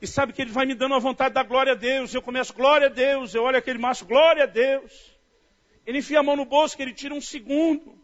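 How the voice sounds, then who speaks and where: A high-pitched man with a Brazilian Portuguese accent preaches in an animated storytelling style. He talks to his listeners warmly as "dear". The recording sounds dull and lo-fi. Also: racing, hardly any pauses. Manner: storytelling, animated, often says "querido". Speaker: pastor. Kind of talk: sermon. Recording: dull lo-fi audio.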